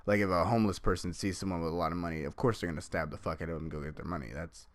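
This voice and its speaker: A man's voice: deep voice, steady tone, racing, no echo. A man chatting casually as a podcast host, with a rambling, swear-heavy way of talking. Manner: profane, rambling. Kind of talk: casual chat.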